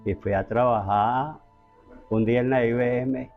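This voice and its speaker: Older man, born in Italy, trainer telling anecdotes, soft music under, restarts a lot. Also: mid-range voice, fairly even intonation, measured pace, narrow, tinny audio. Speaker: racehorse trainer. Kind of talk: interview storytelling.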